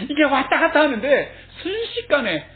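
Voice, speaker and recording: A man's voice: very high-pitched, huge pitch swings, unhurried. A male pastor preaching a sermon, telling stories animatedly and laughing often. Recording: tinny phone-like recording.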